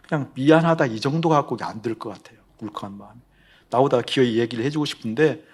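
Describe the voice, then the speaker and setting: Husky-voiced Korean pastor preaching. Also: male voice. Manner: storytelling, swings from soft confiding to loud, high exhortation. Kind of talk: sermon.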